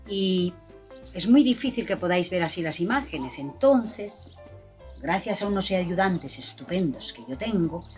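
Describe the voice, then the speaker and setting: Animated woman reading to small children. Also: lowish voice. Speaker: preschool teacher.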